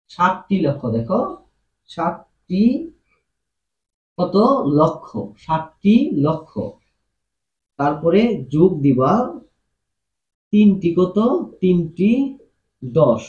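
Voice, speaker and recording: Male math teacher, fairly high voice, patient, repetitive questioning, echoey room. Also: a little mellow, muffled recording. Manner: patient, repeats and asks questions to students. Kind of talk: classroom-style math lesson.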